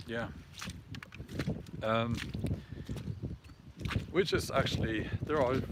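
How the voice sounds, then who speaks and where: A Norwegian man hosts a casual live chat, responding to viewer comments in a halting way full of fillers and restarts. His pitch is medium, and the recording is very noisy.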